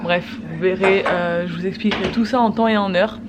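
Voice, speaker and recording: A woman's voice: medium pitch, fairly even intonation, brisk. A woman chatting casually about everyday life as a vlogger. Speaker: vlogger and mother. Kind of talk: casual vlog chat. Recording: clear background noise.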